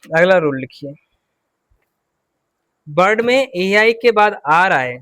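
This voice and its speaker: A man's voice: sits high, animated, takes it slowly, pushed and bright, clean tone, no room sound. A man teaching an English pronunciation class, drilling words one at a time and quizzing students to repeat them.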